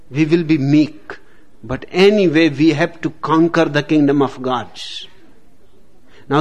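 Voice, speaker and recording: Man giving a slow spiritual talk, higher voice, lots of pauses, jokey bits. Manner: slow, deliberate, dramatic pauses, tells jokes. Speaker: spiritual teacher. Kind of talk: spiritual discourse with jokes.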